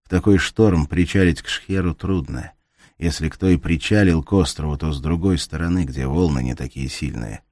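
Very deep-voiced male audiobook narrator. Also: normal speed, darkish tone, no room sound, studio quality. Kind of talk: scripted narration.

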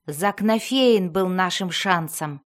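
A woman's voice: lowish voice, slow. Woman voicing a cold, defiant young warrior. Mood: angry.

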